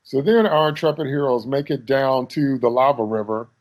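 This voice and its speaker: A man's voice: mid-range voice, normal speed. A man co-hosting a podcast, casually recapping a TV episode and acting out scenes in mock quotes. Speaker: podcast co-host. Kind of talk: casual chat.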